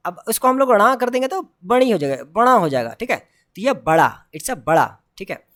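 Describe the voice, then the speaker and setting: A woman giving an online pronunciation lesson, repeating sounds slowly and setting right forms against wrong ones, with English phrases mixed in. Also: medium pitch, big pitch swings. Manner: mixes English phrases into Hindi. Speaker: pronunciation teacher.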